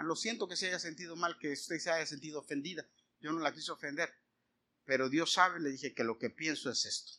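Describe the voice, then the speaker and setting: A middle-aged man preaches in a fairly high, gravelly and husky voice. He brings a personal story to life, acting out the dialogue in animated fashion.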